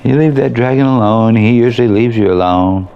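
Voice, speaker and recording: A gaming video host and reviewer gives casual, chatty, rambling commentary while playing through a game, his mid-range voice fairly quick, smooth, and touched with vocal fry. The audio is dull, with faint game noise and video game ambience in the background.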